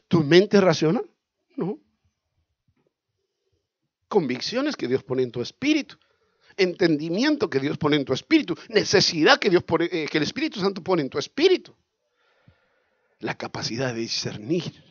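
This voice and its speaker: A male pastor, preaching a sermon in an animated way, asking questions and acting out scenes. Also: a little high, moderate pace, long pauses, slightly rough, no room sound, muffled recording. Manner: animated, asks the congregation questions, acts out scenes.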